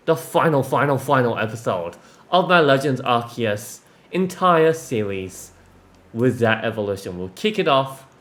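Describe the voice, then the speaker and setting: A man giving casual, excitable commentary while playing a video game, often exclaiming and tripping over words. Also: fairly high pitch. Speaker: gaming video host.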